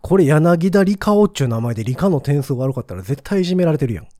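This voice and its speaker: A man's voice: fairly high pitch, big pitch swings, fast talker, warm tone, no room sound, studio quality. A man with a Kansai accent in casual, colloquial chat, often curious and asking questions. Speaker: podcast co-host.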